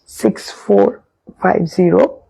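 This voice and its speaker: A woman with an Indian Bengali accent presents products on a live sale. Her sore throat leaves the voice hoarse, heavily creaky and dark, cracking into whispery breath. The sound is close and dry, and she repeats herself with frequent little check-ins. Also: mid-range voice, extremely slow, no echo, poor audio. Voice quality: husky, croaky, breaking into breathy whisper. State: hoarse from a bad sore throat, voice strained and breaking. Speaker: live sari sales host. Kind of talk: live shopping presentation, casual product showcase.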